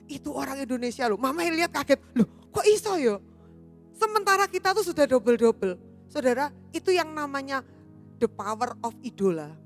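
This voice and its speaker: A woman pastor preaching a sermon in church, telling stories and addressing the congregation directly. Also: high-pitched. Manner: animated storytelling, addressing congregation as "saudara".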